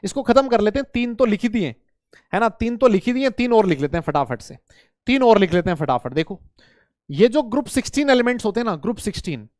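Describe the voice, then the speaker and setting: A man teaching chemistry to students in a lively lecture, asking questions and answering them himself, with playful memory tricks. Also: high voice, fast talker, dry recording, studio quality. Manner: voices imagined student questions.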